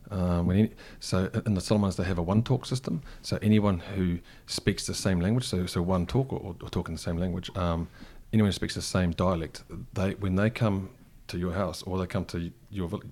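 His voice sits low and a little mellow, with fairly even intonation, and he moves briskly with hardly any pauses. The middle-aged New Zealander, a cafe co-founder, is a thoughtful interview guest recalling his past, often restarting sentences and using fillers.

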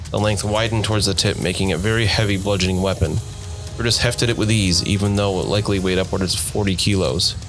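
A man narrating a fantasy audiobook in a steady storytelling voice. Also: low-pitched.

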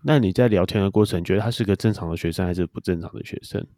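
A man's voice: low voice, racing, warm tone, no room sound, clean studio sound. A young man, chatting casually as a podcast co-host and telling stories. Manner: chatty storyteller. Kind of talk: casual chat.

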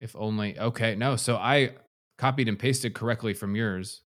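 An American podcast host from the United States chats in a casual interview, laid-back and easygoing, often dropping "man" and "awesome." His voice is lowish with a fairly bright tone, at a moderate pace.

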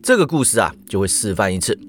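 Lively chatty male storyteller. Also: fairly low pitch, quick pace, soft background music. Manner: lively, chatty, with playful asides. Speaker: podcast host retelling myths. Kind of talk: casual storytelling narration.

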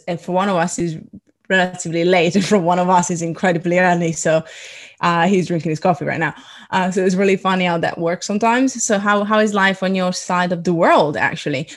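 A woman hosting a marketing podcast, introducing an episode and her guest in an upbeat, chatty way. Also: fairly low pitch. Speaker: podcast host.

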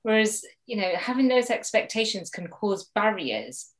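A woman's voice: medium pitch, very animated, moderate pace. A woman mediator, a guest in a conversational interview, talking animatedly and acting out the voices she quotes.

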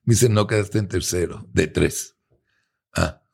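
A middle-aged man with a Mexican Spanish accent, telling an animated story in a casual chat, swearing freely and acting out both sides of the dialogue. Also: low-pitched, unhurried. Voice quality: gravelly, husky. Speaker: advertising agency owner telling a story.

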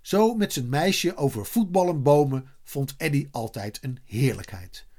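A man reading a children's story aloud in a lively way, voicing the characters. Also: fairly high pitch, a little slow. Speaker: narrator.

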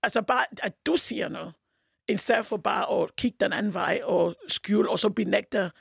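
Hoarse gravelly woman, animated. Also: mid-range voice, dry recording, clean studio sound. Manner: animated, mimics others with put-on voices, laughs often. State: hoarse from shouting. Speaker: guest activist. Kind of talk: casual discussion.

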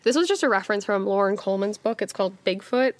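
A woman co-hosting a casual podcast, getting over a chest cold, with a slight smoker's rasp and a nasal sound. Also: medium pitch, fast talker. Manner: informal, conversational. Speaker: podcast co-host. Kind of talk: casual chat.

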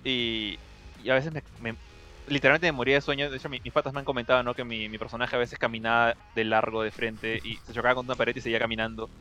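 A young Peruvian man talks quickly in a loose, rambling way, restarting his sentences and dropping slang as he tells a story. His voice is bright and sits in a middle pitch. Faint music plays underneath. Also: fairly even intonation. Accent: Peruvian Spanish. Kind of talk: casual chat, storytelling.

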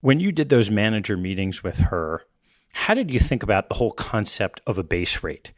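A man's voice: lowish voice, big pitch swings, normal speed, no echo. A man hosting an investment podcast, asking brief, direct questions. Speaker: podcast host. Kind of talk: interview questions.

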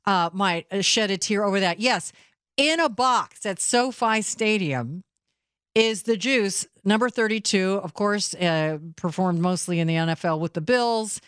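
A woman's voice: medium pitch, animated, a little slow, fairly bright tone, clean tone, no room sound. A woman hosting live talk radio, chatty and opinionated, speaking into a studio microphone. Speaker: radio talk host, filling in.

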